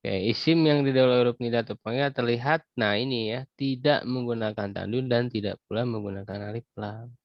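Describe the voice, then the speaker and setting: A man teaching Arabic grammar in an online class, explaining patiently and pausing to clear his throat. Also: mid-range voice, fairly even intonation, dry recording. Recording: dull lo-fi video call audio, dry.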